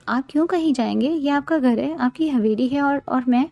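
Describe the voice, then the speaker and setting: A woman's voice: high-pitched, vocal fry, dry recording, muffled recording. A woman voicing a stubborn, innocent young bride in a storybook romance, talking in a pouty, defensive way. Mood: anxious.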